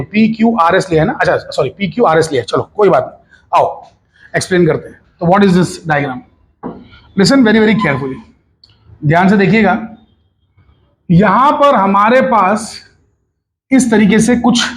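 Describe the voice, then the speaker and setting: High-voiced chatty physics teacher, man. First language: Hindi. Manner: chatty, coaxing, mixes Hindi with English and Marathi asides. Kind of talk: recorded online physics lesson.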